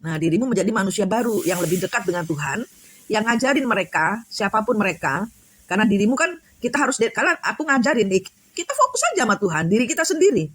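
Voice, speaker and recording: A woman's voice: on the high side, fairly bright tone, slightly rough, dry recording. A woman giving a spiritual coaching talk, rambling with many fillers and restarts. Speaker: tarot reader and spiritual coach. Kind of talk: casual spiritual chat.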